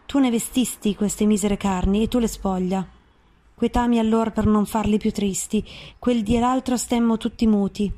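A woman recites classic verse in a measured, solemn way. Her voice is mellow and warm, with a darker colour. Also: mid-range voice. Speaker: reader.

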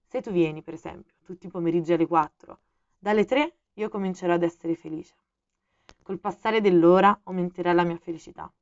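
Una donna che legge la parte di una volpe femmina gentile e saggia, paziente e un po' malinconica, con tono serio e persuasivo, in un audiolibro. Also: female voice, on the low side, no echo, dull audio, natural voice. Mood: patient. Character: gentle wise female fox, patient and a bit melancholy.

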